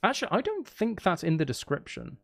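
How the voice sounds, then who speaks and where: A streamer and channel host with a high-pitched voice and huge pitch swings talks a little fast while hosting a live game stream. He chats casually and playfully, speaking both to his viewers in chat and to himself.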